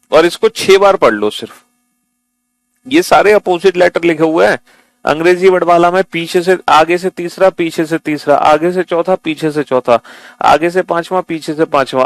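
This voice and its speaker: A male teacher with a fairly high voice and no echo gives a coaching-class lecture. He's patient, repeating himself, spelling out letters, and calling the students "beta".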